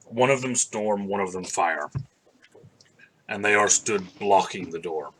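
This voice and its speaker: Bright-voiced, unhurried male game master. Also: fairly low pitch, a little hiss or hum, low-quality recording. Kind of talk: narrating a tabletop game. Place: room at home, on a group video call.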